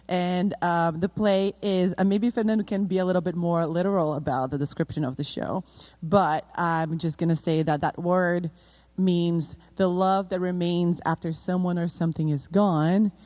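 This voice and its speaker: Soft-spoken woman with a Brazilian accent. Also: fairly low pitch, fairly even intonation, normal speed. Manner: hesitant, many fillers. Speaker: actress and producer. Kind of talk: casual interview talk.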